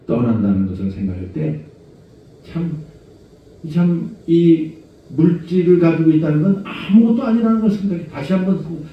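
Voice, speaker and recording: A middle-aged man preaching a conversational sermon as senior pastor, asking rhetorical questions and moving between low murmurs and raised exhortation. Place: church sanctuary. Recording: echoey church hall, far from mic, dull sound.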